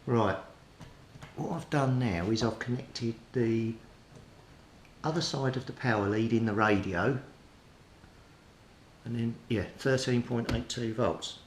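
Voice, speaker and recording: Speaking slowly and pausing often, a man explains how he's repairing a radio as a hobbyist, thinking aloud in an orderly, unscripted manner while he shares his progress. The audio has a roomy echo and an obvious rumbling background.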